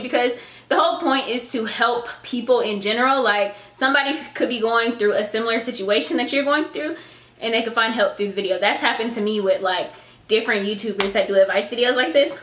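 A young woman in her twenties talks casually to her viewers, pregnant and a little out of breath. Her voice is bright and sits a bit high. The room around her rings with echo. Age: 20s. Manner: chatty, drawling, says "y'all" and "girl". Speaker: YouTuber giving advice. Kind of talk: casual vlog chat.

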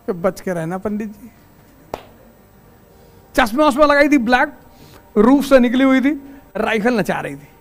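High-voiced man giving a folksy lecture. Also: animated, a little slow, long pauses, faint music behind. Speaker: civil services exam teacher. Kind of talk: anecdotal classroom lecture. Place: classroom.

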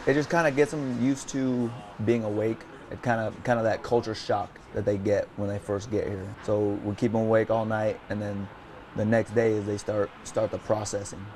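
Man, American accent, military instructor, lowish voice, casual explanation, noisy location. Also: level tone, normal speed. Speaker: military instructor being interviewed. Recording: noisy ambient location recording.

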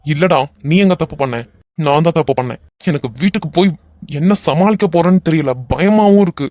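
An exasperated young husband from a cartoon, voiced by a man with a Kanyakumari Tamil accent. He scolds his friend in a sharp, weary way, with a voice somewhat high for a man. The sound is dry and close to the mic. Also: brisk, dry recording, lightly acted. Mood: distressed. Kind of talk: animated web cartoon voice acting.

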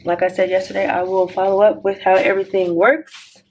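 A woman's voice: mid-range voice, level tone, fairly quick, darkish tone, a little hiss or hum. A woman chatting playfully in casual slang as she films a beauty vlog in a hotel room on a camera mic. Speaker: beauty vlogger.

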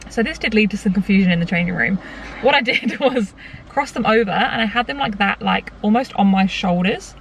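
A woman's voice: medium pitch, lively intonation, brisk, creaky. Chatty young woman showing a thrift haul. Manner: chatty, laughs often, fillers like "like". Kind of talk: casual chat. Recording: distant mic with background noise.

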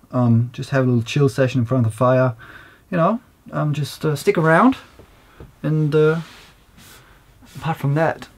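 A young man giving a relaxed, chatty walkthrough of his camper van build, recorded on a camera mic in a small wood-panelled van. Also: medium pitch. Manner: relaxed, chatty, many fillers. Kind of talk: casual vlog walkthrough.

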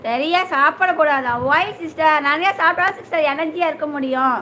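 A woman's voice: sits high, moderate pace, pushed and bright, slight background noise. A young woman hosting a casual live stream, greeting viewers by name and asking whether they have eaten.

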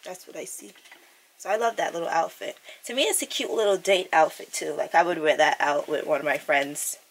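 Filmed from arm's length on a camera mic, a twenty-something vlogger chats casually to her audience and often laughs. Her voice sits low and moves fairly quickly. Scenes shift between a small bedroom and outdoor city streets, and background noise comes through clearly.

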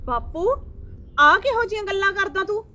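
A woman playing a sharp-tongued, proud young wife who talks in a scolding, indignant way. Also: very high voice, lively intonation, normal speed, heavily acted. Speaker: daughter-in-law.

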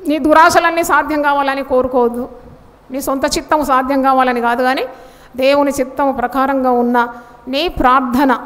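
A woman preaching a sermon with emphasis, asking the congregation questions and answering them herself. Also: high voice. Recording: long reverb of a hall.

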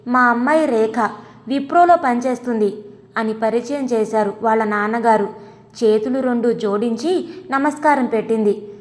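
A woman reading a comic audio story aloud in the first person, expressive and scripted. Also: on the high side, long reverb tail. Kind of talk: scripted comedy story narration.

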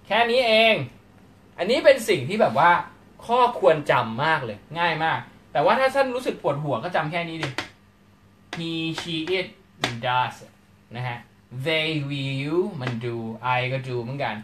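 Lively Thai-speaking English teacher, man. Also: on the high side, unhurried, slight background noise. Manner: animated, acts out short question-and-answer exchanges. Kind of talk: live classroom lecture.

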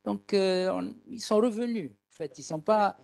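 A man's voice: sits high, a little slow, vocal fry, darkish tone. A man speaking at a conference panel, hesitant and full of fillers, often checking the audience follows. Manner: hesitant, many fillers and "you see". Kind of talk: conference talk.

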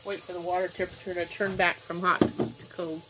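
A woman's voice: on the low side, little pitch movement, a little fast, fairly bright tone, a little hiss or hum. An older woman chatting casually as she cooks in her home kitchen, rambling and thinking aloud, sometimes stepping away from the camera mic. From Kansas, USA. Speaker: home cooking vlogger. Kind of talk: casual cooking chat to camera. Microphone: built-in camera mic, moves toward and away. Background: running tap water and kitchen clatter.

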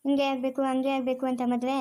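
A woman's voice: high voice, monotone, fast, mellow, close to an everyday voice. A woman voicing a caring, protective elder sister in a cartoon who coaxes and comforts. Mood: soothing. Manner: soothing, coaxing, repeats comfort.

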